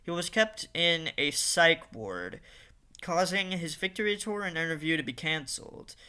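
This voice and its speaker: A man's voice: a little high, lively intonation, normal speed, pushed and bright, clear, resonant tone. A man narrating a fan-made story in a casual reading style, with occasional fillers and restarts.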